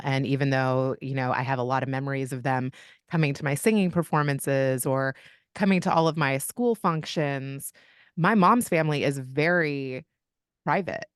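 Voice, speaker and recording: In a casual interview, a podcast guest from Kentucky talks openly and chattily about her family. She speaks in a low voice at a normal speed, with a clean tone. It's a studio-quality recording with no room sound.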